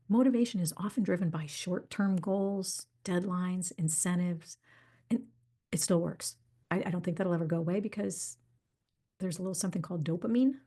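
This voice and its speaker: Woman podcast host, low-ish mellow husky voice, animated storyteller. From United States. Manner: animated storytelling, acts out quoted dialogue.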